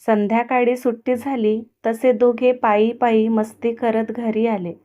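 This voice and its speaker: A woman narrates an audio story in a steady, expressive reading. Her voice sits fairly high. The recording sounds dull and lo-fi. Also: unhurried.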